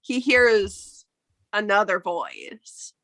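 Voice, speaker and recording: Brief: female game master, very slow dramatic narration, dry close mic. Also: mid-range voice, wildly swooping pitch, vocal fry, fairly bright tone, no echo.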